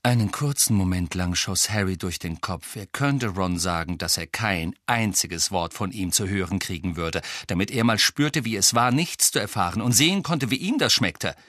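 A male narrator reads a novel aloud with a lively, animated melody. His voice is bright and crisp, recorded dry and close. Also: low-pitched, moderate pace, few pauses, no room sound. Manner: expressive reading. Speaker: audiobook narrator. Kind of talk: scripted narration.

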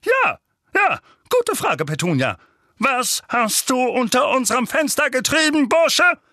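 Onkel Vernon, a bellowing furious uncle. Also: male voice, very high voice, very animated, a little slow, dry recording, studio quality, pitched above the performer's own voice, heavily acted. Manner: shouting, hoarse, trembling with rage. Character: fat furious middle-aged uncle, blustering. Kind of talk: audiobook character voice.

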